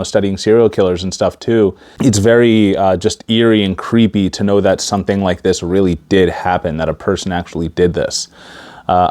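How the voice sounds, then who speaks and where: Male movie-review vlogger, lower register, casual and halting, stiff-mouthed after wisdom teeth surgery. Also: a little mellow. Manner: stiff-mouthed speech after wisdom teeth removal, limited facial mobility. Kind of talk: casual talk to camera.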